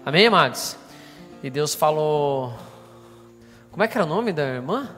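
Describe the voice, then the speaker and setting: A Brazilian pastor tells a story from the pulpit at a rapid clip, acting out each voice in it. His voice sits a little high for a man. It rings through a reverberant church hall with faint music underneath. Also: expressive, a bit bright. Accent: Brazilian Portuguese. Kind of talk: sermon with storytelling. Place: church hall during a service.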